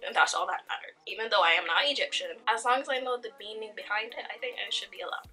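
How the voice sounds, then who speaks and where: A woman's voice: mid-range voice, fast talker, bright, forceful tone, faint music behind, poor audio. A young woman chatting casually to her viewers in a vlog, laughing often between stories. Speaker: vlogger. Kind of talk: casual chat.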